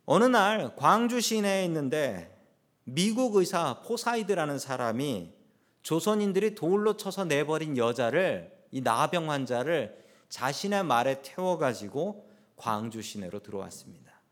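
Lively Korean pastor preaching a sermon. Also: male voice, fairly high pitch, a little slow. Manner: storytelling preacher, rising and falling emphatically.

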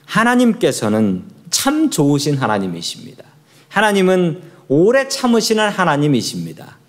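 Animated Korean male pastor preaching. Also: fairly high pitch, normal speed. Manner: lively storytelling, acts out voices of biblical figures. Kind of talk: sermon.

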